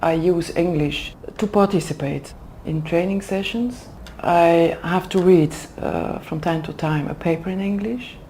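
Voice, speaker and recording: At an Oxford language school, an executive development manager who is a native Dutch speaker gives careful, halting interview answers in a second language, stopping to search for words. Her tone is deep and mellow, and there's a little hiss or hum on the recording.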